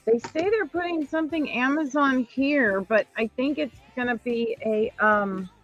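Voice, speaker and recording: A woman's voice: high-pitched, unhurried, dull audio, faint music behind. A woman hosting a live online craft supply sale, chatting casually and rambling with fillers as she shows fabric. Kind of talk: casual live-stream selling.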